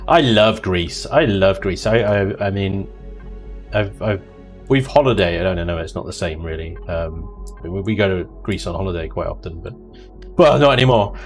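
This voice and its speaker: A deep-voiced man hosts a livestream, chatting and joking casually while he plays a game, with soft music in the background. He's animated but a little slow with long pauses, and he drifts into mock voices and laughter.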